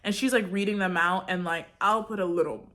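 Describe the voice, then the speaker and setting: A woman's voice: mid-range voice, fairly even intonation, fairly quick, fairly bright tone. A young woman vlogger casually telling a story, chatty, with lots of "like," acting out her own reactions.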